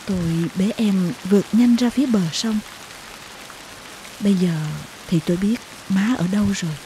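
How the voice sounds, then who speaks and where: Female narrator, warm dark tone, gentle literary storytelling, light rain noise in the background. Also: mid-range voice. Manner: slow, tender storytelling with emotional acted quotes. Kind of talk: scripted audiobook narration.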